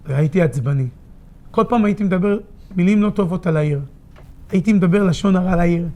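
Middle-aged man, high pitch, emotional first-person storyteller, acts out his own lines. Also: dark tone. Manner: impassioned, reenacts his own pleading in dialogue. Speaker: storyteller sharing a personal testimony.

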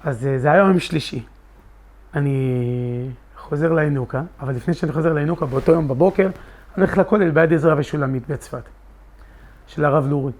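Impassioned high-voiced middle-aged man. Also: a little mellow. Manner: impassioned, reenacts his own pleading in dialogue. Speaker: storyteller sharing a personal testimony. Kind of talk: emotional first-person storytelling.

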